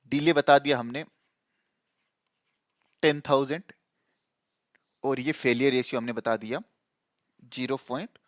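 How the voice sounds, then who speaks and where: A man's voice: mid-range voice, fairly bright tone, no echo, clean studio sound. A man teaching a programming lesson in a casual tone, repeating points and checking that listeners follow. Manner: explains with repetition and frequent checks on the listener. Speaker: programming tutor.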